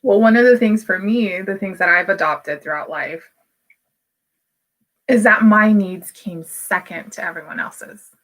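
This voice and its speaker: Thirtysomething woman from hawaii chatting to camera, open and personal, kinda bright sharp voice. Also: medium pitch, a little slow. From Hawaii, United States. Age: 30s. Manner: candid and personal, with frequent fillers. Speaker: business coach. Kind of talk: casual motivational talk to camera.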